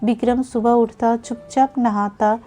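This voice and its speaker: A woman telling a written story in a calm, steady manner, her voice a little high and her pace very slow. The tone is mellow and soft-edged, with faint music playing behind her. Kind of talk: scripted story narration. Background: faint background music.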